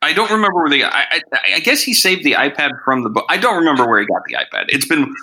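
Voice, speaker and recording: A man's voice: on the high side, very animated, quick pace, pushed and bright, rough recording. A man hosting a casual podcast reviewing TV episodes, chatty and sarcastic, with lots of asides. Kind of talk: casual chat.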